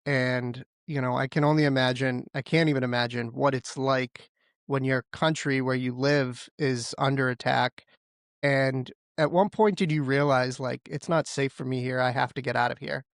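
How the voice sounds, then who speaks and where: A man's voice: mid-range voice, steady tone, normal speed, no room sound. A male podcast host greets and questions his guest in a friendly, loose way, often leaning on "you know". The sound is dry and close, with no room around him. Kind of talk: interview hosting.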